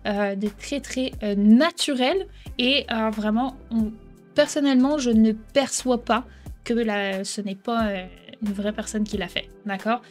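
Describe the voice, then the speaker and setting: A woman hosting a casual software tutorial, explaining step by step and checking in with the viewer often. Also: on the high side. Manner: chatty, explains step by step, keeps asking "d'accord?". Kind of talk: casual screen-recording tutorial.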